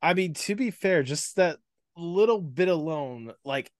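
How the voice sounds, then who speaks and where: Male podcast host, slightly higher voice, eager, filler-heavy, dry close recording. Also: lively intonation, unhurried, no echo. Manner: enthusiastic, filler-heavy with lots of "like". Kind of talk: casual interview chat.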